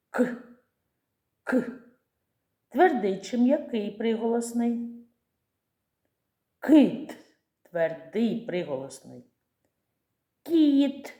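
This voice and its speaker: A woman teacher talks to small children in a slow, lilting voice, drawing out each word. Her tone is soft and mellow, and the room gives her an echo. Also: medium pitch. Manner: slow, sing-song emphasis on words for children. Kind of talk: early-years literacy lesson. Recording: echoey room.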